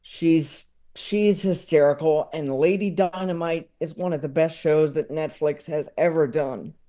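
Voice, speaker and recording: This thirties-aged podcast guest, a comedy expert, has a fairly high pitch with a dark tone and fairly even intonation. His pace is a little slow, and in the casual conversation he wanders and repeats himself as he sorts out what he wants to say.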